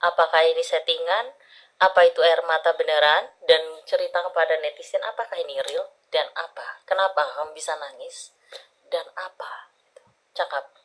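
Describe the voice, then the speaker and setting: A woman reading a caller's palm on a live stream, intimate and affectionate, often dropping to a whisper and then breaking into loud laughter. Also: low-pitched, steady tone, normal speed, low-quality recording. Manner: intimate, calls listener "sayang", swings between soft whispers and loud laughter. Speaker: palm reader.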